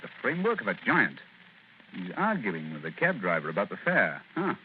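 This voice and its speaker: A man's voice: lowish voice, wildly swooping pitch, fairly quick. A man playing Sherlock Holmes as a gloomy, clipped and sardonic detective in a 1940s radio drama. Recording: tinny old radio broadcast with faint hiss.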